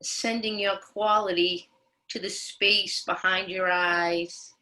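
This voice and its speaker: A woman guiding mindful movement as a yoga and meditation instructor, with a soothing, gentle manner and unhurried pauses. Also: medium pitch, steady tone, rough recording.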